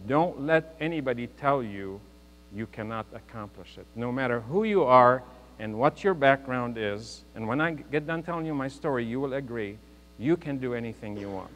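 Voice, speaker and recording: In a reverberant large hall with mains hum audible, a fifty-something man from Lebanon gives a live motivational talk as guest speaker. His medium-pitched, slightly bright voice stays earnest while he jokes and engages the audience.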